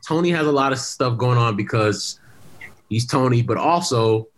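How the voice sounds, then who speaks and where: A man's voice: mid-range voice, normal speed. A man co-hosting a casual sports podcast, easygoing and laughing often as he banters. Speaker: podcast co-host.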